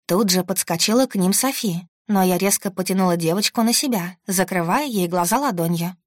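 Woman reading a story, steady and low, really dry close sound. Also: a little fast, no echo. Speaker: audiobook narrator. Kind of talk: scripted first-person narration.

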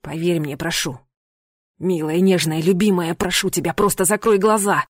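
A woman reading an audiobook, voicing a protective, tender young male knight in a soft, earnest, half-whispered way. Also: on the low side, fairly even intonation, normal speed, no echo, studio quality, pitched below the performer's own voice, natural voice. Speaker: audiobook reader. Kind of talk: audiobook character voice.

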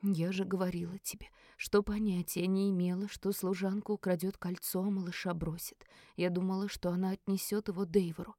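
A woman voicing a sly, resentful young female captive who speaks in a low hush. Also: level tone, a little fast, few pauses, dry recording, clean studio sound, natural voice.

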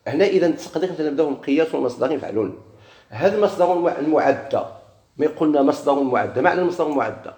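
A man's voice: on the high side, lively intonation, very fast, darkish tone. Moroccan man teaching in an echoey room. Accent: Moroccan Arabic. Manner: asks questions and answers them himself, repeats key words. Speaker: grammar teacher. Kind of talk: classroom lesson on Arabic grammar. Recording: echoey room with faint noise.

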